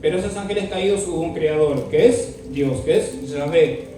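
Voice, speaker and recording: On the high side and at normal speed, this man's mellow voice comes through some background noise. In a Bible class lesson he frequently questions his students and dictates words letter by letter. The recording has a very echoey room, a distant mic and faint music.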